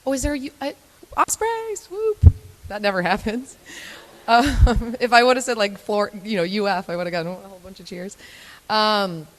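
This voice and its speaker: A woman's voice: mid-range voice, animated, normal speed. A young woman from Florida giving a chatty, self-deprecating live talk to an audience, with frequent filler ums. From Florida, United States. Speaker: guest speaker at a morning talk event. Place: event hall before a live audience. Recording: long hall reverb.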